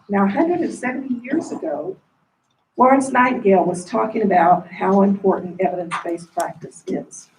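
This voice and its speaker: A woman giving a formal, measured welcome speech as a dean, her voice coming through a face mask. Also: medium pitch, warm tone, slight background noise. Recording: roomy echo, distant mic.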